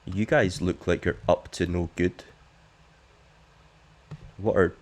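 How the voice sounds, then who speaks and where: Deep-voiced gamer, casual, jokey, talks to his audience as he plays. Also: steady tone, slow pace. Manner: chatty, jokey, talks straight to viewers. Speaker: game streamer. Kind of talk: casual let's-play commentary.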